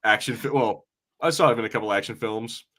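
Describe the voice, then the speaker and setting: A man with a mid-range, fairly bright voice talks briskly while co-hosting a podcast. It's a casual watch-party chat about films, and he rambles informally, often cutting himself off.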